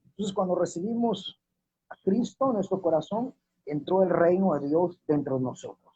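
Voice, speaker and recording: A man preaching a sermon as minister, slowing down and repeating verses to drive his points home. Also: sits high, mellow, slightly rough. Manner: slows and drops his voice to stress key words, repeats verses. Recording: dull lo-fi recording.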